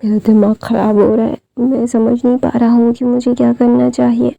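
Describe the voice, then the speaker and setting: A woman's voice: a little high, completely flat delivery, moderate pace, vocal fry, dark tone, no echo. A woman reading a pouty, whiny teenage boy in a storybook. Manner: complaining, pleading.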